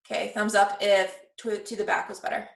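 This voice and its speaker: A woman's voice: mid-range voice, flat delivery, brisk, vocal fry. A woman speaking as a ballet master, teaching a class with encouraging corrections and counted-out steps. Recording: echoey room, distant from the mic.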